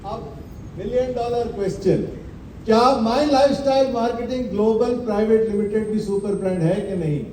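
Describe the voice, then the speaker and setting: A man's voice: sits high, background noise. Emphatic male seminar presenter. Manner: emphatic, quizzes the audience with rhetorical questions; repeats slogans slowly for effect. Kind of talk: motivational business presentation. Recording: echoey hall, mic at a distance.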